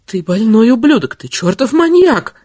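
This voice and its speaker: A woman's voice: medium pitch, very animated, a little fast, slightly rough, dry recording, studio quality, pitched above the performer's own voice. A woman voicing a furious, sarcastic young woman who hurls insults in an audiobook. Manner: shouting insults, biting sarcasm.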